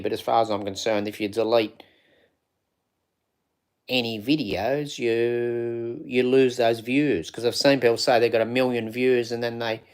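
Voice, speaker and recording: A man hosting a casual live stream, rambling and greeting viewers by name. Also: mid-range voice.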